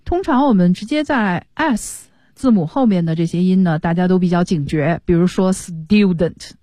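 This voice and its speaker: A woman's voice: on the low side, normal speed, warm tone, no echo. A woman English teacher on a studio radio show, patiently explaining pronunciation step by step.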